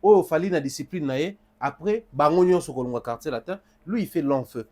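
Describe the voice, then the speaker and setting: A man's voice: a little high, expressive, fairly quick, a little mellow. A man, commentating emphatically in a heated studio debate on music, switching between French and Lingala.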